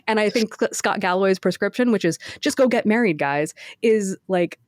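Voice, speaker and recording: A woman co-hosting a casual podcast discussion, animated and quick to laugh, acting out quoted answers. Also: medium pitch, no echo, clean studio sound. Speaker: podcast co-host.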